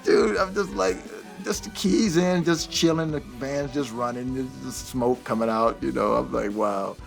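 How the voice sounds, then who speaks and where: A man, a musician guest, telling stories in a casual, animated way, laughing often and acting out the voices of people he quotes. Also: medium pitch, moderate pace, creaky, soft background music. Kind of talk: casual anecdotal storytelling.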